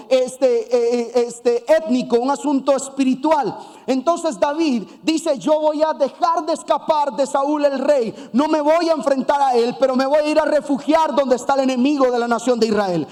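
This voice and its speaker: A man preaching a sermon, telling a Bible story with lively asides and acted-out voices. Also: very high voice, in a large hall. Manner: animated storytelling with playful asides; acts out voices of biblical figures.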